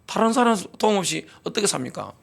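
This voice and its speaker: Animated, gravelly-voiced Korean pastor preaching. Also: male voice, high-pitched, fast talker. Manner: emphatic preaching with rhetorical questions; repetitive call-and-response delivery. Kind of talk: sermon.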